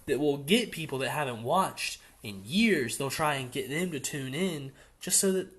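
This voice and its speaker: A man's voice: medium pitch, animated, moderate pace, a bit bright. A young man co-hosting a casual podcast, giving his opinions in long run-on explanations. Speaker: podcast co-host.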